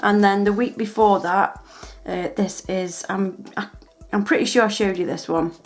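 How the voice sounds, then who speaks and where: A planner vlogger shows off her stickers in casual show-and-tell narration, gushing and restarting her sentences. Her mid-range voice is steady at a moderate pace, with faint music in the background.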